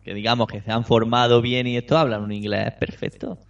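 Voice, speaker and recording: A man's voice: medium pitch, flat delivery, fairly quick, creaky. A man from Spain with a Spanish accent, a guest on a casual podcast, easygoing and prone to repeating himself. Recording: dull distant remote audio.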